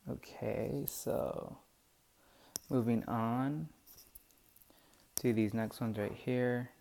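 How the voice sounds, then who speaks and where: A man's voice: medium pitch, fairly even intonation, extremely slow, gravelly, mellow, a little hiss or hum. A young man hesitantly walking through a poem's scansion as a student presentation, often restarting and doubting himself. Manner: hesitant, many fillers and restarts, self-doubting. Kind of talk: classroom walkthrough of poem scansion.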